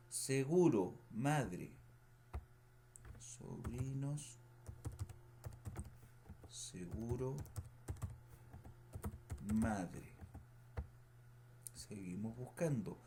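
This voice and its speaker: A man teaching a remote lesson, speaking slowly and patiently, repeating words and checking understanding with short questions, with keyboard typing behind him. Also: fairly low pitch, gravelly, background noise. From Chile. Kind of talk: recorded remote lesson feedback.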